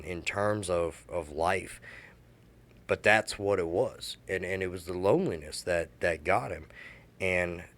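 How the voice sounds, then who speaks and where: A man in his thirties telling a candid personal story, halting and emotional, with many restarts. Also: low voice, a bit bright.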